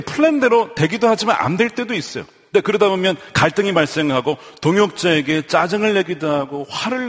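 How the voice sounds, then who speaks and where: A man's voice: high voice, a bit bright, slightly rough. A man in his forties preaching a sermon as pastor, emphatic, repeating key lines and asking the congregation questions. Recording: long hall reverb.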